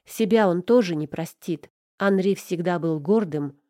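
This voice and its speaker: A woman's voice: on the low side, a little slow, mellow, no room sound, studio quality. A woman narrating a first-person audiobook with emotional, tearful delivery.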